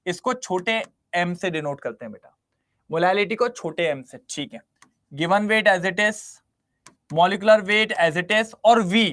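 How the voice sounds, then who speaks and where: A man's voice: high-pitched, slow pace, a bit bright. A man teaching chemistry in an online class, constantly quizzing his students and coaxing them to answer.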